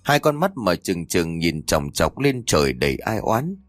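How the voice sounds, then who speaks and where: A man narrating a ghost story for an audiobook in an expressive storytelling manner. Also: deep voice, measured pace, dry recording, clean studio sound. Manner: expressive, voices the characters' cries and quarrels.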